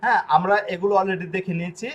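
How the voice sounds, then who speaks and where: A man teaching an online language class, explaining slowly, repeating himself and often pausing on fillers. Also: high-pitched, fairly even intonation, fairly bright tone. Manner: slow, repetitive explaining with frequent fillers.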